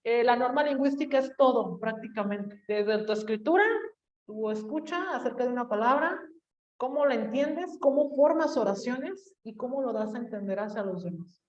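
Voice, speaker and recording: A woman teacher from Mexico with a Jalisco accent lectures her class, talking casually and checking in with her students. Her voice sits a little high. The recording is dull and lo-fi, picked up from a distance in an echoey room. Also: expressive, moderate pace, darkish tone. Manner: chatty, addresses students directly with tag questions.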